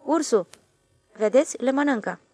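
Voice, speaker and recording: A woman's voice: high voice, animated, darkish tone, husky, no echo, pitched above the performer's own voice, heavily acted. A woman voicing a talkative, deferential male railway switchman in an audiobook, speaking eagerly. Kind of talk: audiobook character voice.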